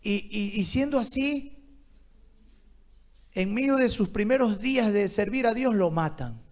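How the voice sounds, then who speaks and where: Man, pastor, sermon, very high voice, slow deliberate pace, shouts then quiet asides. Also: animated. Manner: swings from loud shouted exhortation to quiet low asides; calls on the congregation to answer aloud.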